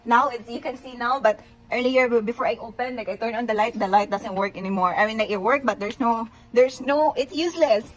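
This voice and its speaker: A woman's voice: fairly high pitch, steady tone, normal speed. A woman from the Philippines, vlogging on a handheld phone at home, shaken and scared and exclaiming often. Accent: Filipino. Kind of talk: casual vlog, filmed by phone. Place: at home and just outside the house. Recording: noisy phone recording.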